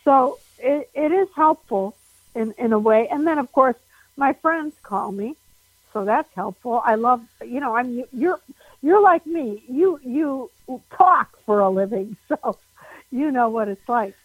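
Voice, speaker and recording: A woman stand-up comedian chatting in a phone interview, animated, laughing often and restarting her sentences. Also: fairly high pitch, a little slow, breathy edge, no echo, poor audio.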